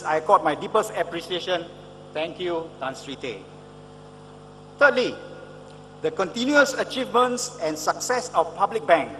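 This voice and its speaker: Energetic high-voiced man speaking. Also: in a large hall, slight background noise. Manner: energetic, emphatic, rhetorical questions. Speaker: motivational speaker and consultant. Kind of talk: public speech.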